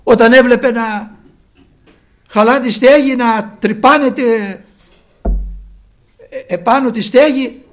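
A man preaching a sermon with fervour, his phrases often sinking to a hushed, low close. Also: pauses often, soft background music.

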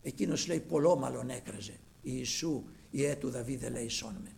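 A man preaching a sermon who tells the story by acting out its voices, swinging from low murmurs to loud calls. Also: creaky, a little hiss or hum.

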